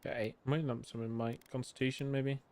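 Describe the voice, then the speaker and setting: A man's voice: medium pitch, fairly even intonation, fairly quick, a little mellow. A man giving casual commentary while playing a game, reading menu text aloud and muttering to himself. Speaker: gaming video host.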